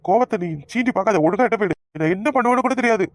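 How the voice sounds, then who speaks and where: A woman's voice: on the high side, rapid-fire, no room sound, clean studio sound, pitched below the performer's own voice, natural voice. A woman voicing an angry, dismissive village husband with a Kanyakumari Tamil accent in a cartoon comedy. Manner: angry, dismissive, shouting threats. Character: angry village husband, young adult man.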